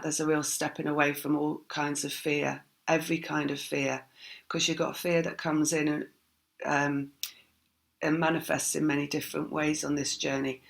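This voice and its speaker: A tarot reader gives a casual spiritual reading, meandering and reflective, her thoughts looping back on themselves. Her croaky, gravelly voice is full of fry and stays flat in pitch. She pauses often, leaning on soft fillers.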